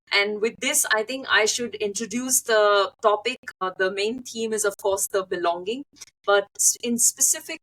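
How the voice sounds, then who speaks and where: A woman hosting a podcast interview with a mid-range voice. She sets up topics at a measured pace and uses small fillers between phrases. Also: mid-range voice, low-quality recording. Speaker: podcast host.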